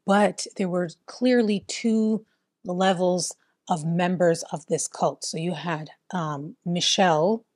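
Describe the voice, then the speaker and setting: A woman hosts her vlog in an easy, chatty way and leans on "like" and "whatever" as she goes. Her voice sits a little on the low side. The sound is dry and close, with no room echo. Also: a little mellow. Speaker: host. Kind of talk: casual chat.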